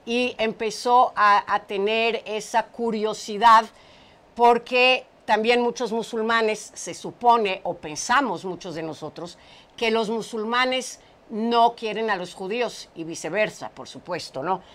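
A woman's voice: a little high, unhurried, a bit bright. A middle-aged woman from Portugal hosting a studio talk show, chatting and translating for her guest, often repeating words as she goes. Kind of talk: casual chat, interpreting for a guest. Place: small studio set with brick wall. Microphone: lapel mic.

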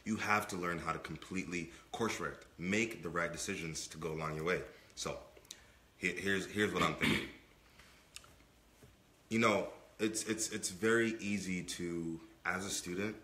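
Co-hosting a casual podcast at normal speed, a young man speaks in a very low, forceful voice that's not quite clear because he's a bit under the weather. He stresses his points by repeating them, and the brick and wood-panelled room echoes around him.

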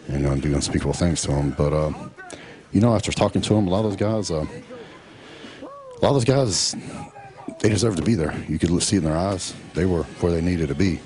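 A middle-aged man, casually narrating in a laid-back, drawn-out way full of fillers. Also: very deep voice, darkish tone. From Texas. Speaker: professional bodybuilder.

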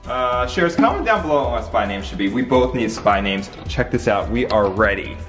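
Young man, excited casual vlog, gasping, playful, handheld camera, big house, music behind. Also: mid-range voice, a little fast. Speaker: vlogger. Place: large bright house indoors.

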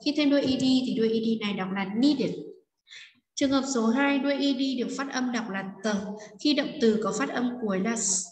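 A woman teacher walks through a lesson in a patient, step-by-step way, often checking in with her students. Her voice sits a little high and sounds set back from the mic. A roomy space with a long reverb trails after her words. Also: fast talker, darkish tone. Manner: patient, step-by-step explaining with frequent check-ins. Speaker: English teacher. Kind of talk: recorded classroom lesson explanation. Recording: echoey room, long reverb, voice distant from mic.

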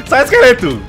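Lively high-voiced Brazilian man teasing. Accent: Brazilian Portuguese. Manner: mock-menacing, teasing, excitable. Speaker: gaming YouTuber. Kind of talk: playful gaming chat.

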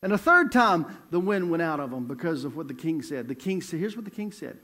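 A male evangelist preaches in a church, building his story with emphatic repetition. His voice sits high and swings widely in pitch as he drives each point home. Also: sing-song, brisk, pushed and bright. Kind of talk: sermon.

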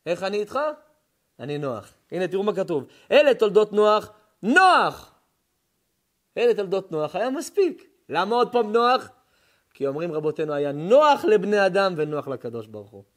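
A man who is a rabbi, giving a Torah lesson as a sermon, telling stories with feeling and swinging between hushed words and loud cries. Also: sits high, very animated. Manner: emotional storytelling, swings between hushed and shouting.

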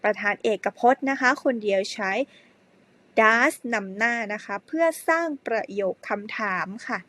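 A woman teaching an English grammar lesson to primary pupils, speaking slowly and spelling words out letter by letter. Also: fairly high pitch, animated, pushed and bright. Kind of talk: slow spelled-out classroom lesson.

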